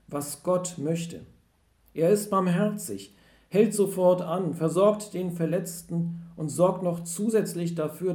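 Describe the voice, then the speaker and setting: Male preacher, slightly higher voice, mellow, explanatory sermon, room echo. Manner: explanatory, varied emphasis. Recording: roomy echo.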